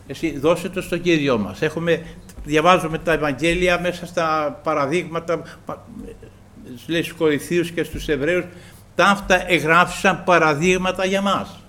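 A man preaching a sermon to his congregation, halting often with filler sounds and repeating praise to the Lord. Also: on the high side, steady tone, pushed and bright.

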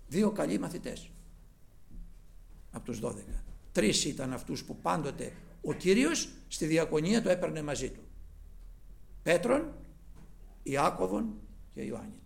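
Male preacher, high and very animated voice, rough edge, loud-to-hushed swings. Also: pauses often. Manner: swings between loud exclaiming and low quiet asides. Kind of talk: sermon.

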